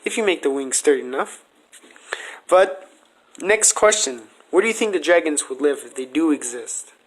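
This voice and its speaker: Speaking at normal speed in a fairly high, expressive voice, this man hosts a casual podcast and asks questions. He argues his point earnestly and speculatively, and the recording is rough.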